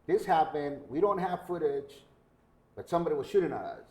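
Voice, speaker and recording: A Guatemalan man hosts a podcast, chatting casually in an interview setting and telling anecdotes. His voice is fairly high, animated, fairly quick and darkish in tone, in an echoey room.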